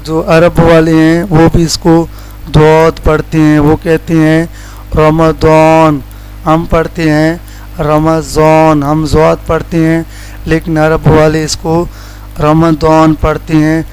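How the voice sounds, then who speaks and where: A man from Pakistan teaching Quran letter pronunciation in a plain explaining tone, stretching each letter slowly as a model sound. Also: on the high side, monotone, darkish tone, clear, resonant tone, soft background music, poor audio.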